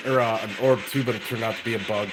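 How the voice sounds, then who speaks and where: A man's voice: on the low side, fairly even intonation, quick pace. A man co-hosting a live ghost hunt, chatting casually with viewers and his fellow investigator. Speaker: paranormal investigator and livestream co-host. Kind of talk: casual livestream chat. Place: sanitarium basement. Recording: clear rasping spirit box static behind. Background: raspy static noise.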